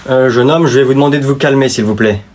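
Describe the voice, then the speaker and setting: A man's voice: mid-range voice, quick pace, a little mellow, pitched below the performer's own voice, natural voice. A man voicing a stiff, pompous president who scolds politely and formally. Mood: stiffly stern. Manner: formal and stuffy.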